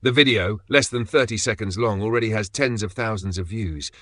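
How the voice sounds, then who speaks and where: Man, scripted story narration, measured pacing, dramatic pauses, dry studio sound. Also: fairly low pitch, sharp tone, dry recording.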